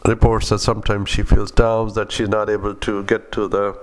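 A man dictating clinical notes in halting, clipped phrases, speaking punctuation and formatting commands aloud as a clinician. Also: fairly low pitch, level tone, a little hiss or hum.

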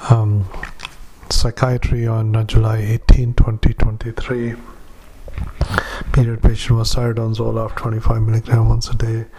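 A male doctor dictating notes into a dictaphone at a retirement community, halting with frequent fillers and reading punctuation aloud. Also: fairly low pitch, monotone, mellow, slight background noise, poor audio. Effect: dictaphone recording. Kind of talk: medical dictation.

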